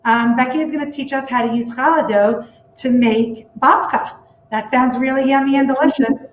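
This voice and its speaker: A woman's voice: sits high, fairly even intonation, moderate pace, slight background noise. Patient woman teaching braiding, echoey room. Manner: patient, explaining each step. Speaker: baking instructor. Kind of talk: step-by-step demonstration. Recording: echoey room with dull lo-fi sound.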